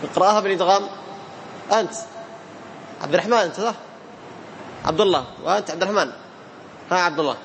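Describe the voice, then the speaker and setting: High-voiced man teaching in a hall. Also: fairly bright tone. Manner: patient questioning, chants verses slowly. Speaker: Quran recitation teacher. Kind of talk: classroom tajweed lesson. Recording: hall reverb, faint room noise.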